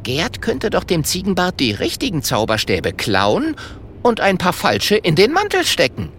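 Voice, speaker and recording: A woman voicing a clever, eager little boy dragon, speaking in an excited, quick-thinking way. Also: fairly low pitch, a little hiss or hum, pitched above the performer's own voice.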